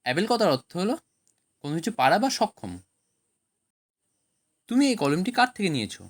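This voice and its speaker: Woman teaching translation with lively pitch. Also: brisk. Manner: reads each sentence in Bengali, then English, then explains. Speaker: language teacher. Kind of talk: scripted translation lesson.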